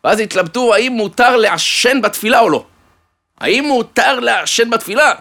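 Man preaching with jokes, bright tone, very lively delivery, storyteller. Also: very high voice. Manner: animated storyteller, addresses listeners fondly. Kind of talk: sermon with joke-telling.

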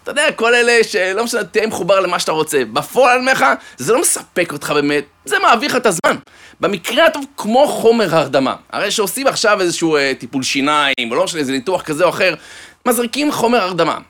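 Animated, high-voiced man preaching. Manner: animated storyteller, addresses listeners fondly. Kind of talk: sermon with joke-telling.

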